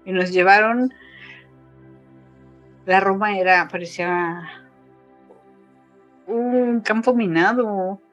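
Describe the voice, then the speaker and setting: A woman's voice: mid-range voice, slow pace, pauses often, a bit bright, lo-fi sound, faint music behind. Mexican woman retelling a survival story. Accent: Mexican Spanish. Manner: emotional retelling, voice rising when quoting others, frequent fillers. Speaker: guest. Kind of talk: personal testimony in a casual interview.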